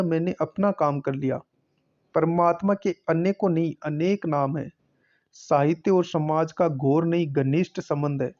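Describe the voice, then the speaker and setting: Going question by question through an exam paper, a male teacher repeats every answer as he solves it. He has a slightly high, mellow voice, captured in lo-fi audio.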